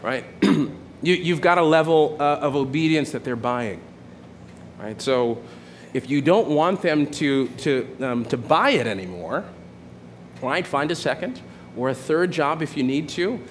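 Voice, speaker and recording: A man's voice: fairly high pitch, lively intonation, measured pace, slight background noise. Conversational male pastor preaching. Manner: conversational, repeats "right?" often, many restarts. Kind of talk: sermon.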